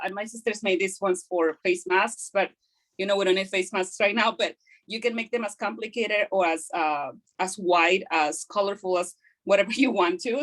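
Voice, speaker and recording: Over a video call, a craft instructor with a mid-range, fairly bright voice gives a hands-on lesson. She is from Guatemala and speaks Kaqchikel as her first language. Her explanations are hesitant and peppered with fillers.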